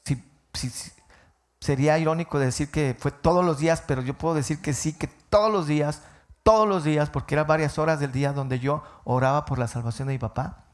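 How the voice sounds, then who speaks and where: A man's voice: on the high side, steady tone, a little fast. A man, a pastor preaching a sermon and telling a personal story with emotional rises and falls. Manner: emotional storytelling, voice rising and falling.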